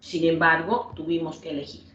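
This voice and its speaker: A woman's voice: low-pitched, level tone, a little fast, a bit bright. A woman teaching an English class, patiently explaining grammar and calling on students by name. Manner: patient, repeats points and quizzes students by name. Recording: roomy, distant, dull lo-fi sound.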